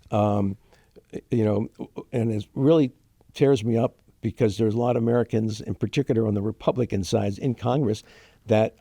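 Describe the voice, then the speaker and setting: Speaking through many fillers and restarts, an older interview guest emotionally shares his family story; Ukrainian is his first language, as he was born in Germany to Ukrainian parents. His mid-range voice is mellow with vocal fry, and there's no room sound.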